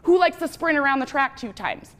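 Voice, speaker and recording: Young woman from Wyoming, high voice, quick chatty testimony speaker. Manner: fast, lively, chatty. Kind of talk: personal testimony speech.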